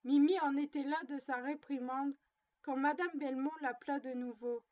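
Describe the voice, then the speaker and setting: High-voiced woman reading a children's story. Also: fairly even intonation, normal speed, a little mellow. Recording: dull, lo-fi recording.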